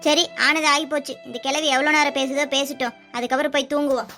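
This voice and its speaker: A woman voicing the young wives in a family cartoon serial, arguing and talking fast. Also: sits high, fairly even intonation, sharp tone, faint music behind. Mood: complaining. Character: young village wives, quarrelsome and worried.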